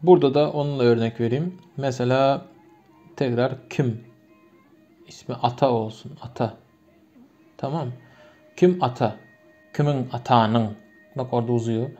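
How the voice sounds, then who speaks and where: In a muffled lo-fi recording with soft background music, a language teacher works through grammar patiently, repeating example after example. He's a native Turkmen speaker from Turkmenistan with a Turkmen accent, and his mid-range voice is dark-toned and unhurried, with frequent pauses.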